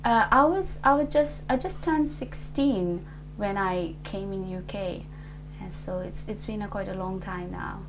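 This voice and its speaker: A woman's voice: medium pitch, unhurried, noisy background. A woman in her twenties from Nepal, answering an oral history interview hesitantly, with many fillers and restarts. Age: 20s.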